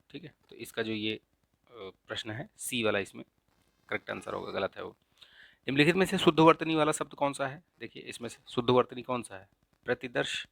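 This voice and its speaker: A man teaching an exam-prep lesson in a casual, explanatory way, often checking in with "ठीक है?" and slowly repeating correct spellings. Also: mid-range voice, creaky, a bit bright, dry recording. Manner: frequent checks of "ठीक है?" and filler "अ"; repeats the right spellings slowly to stress them. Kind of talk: casual explanatory lesson, walking through a paper.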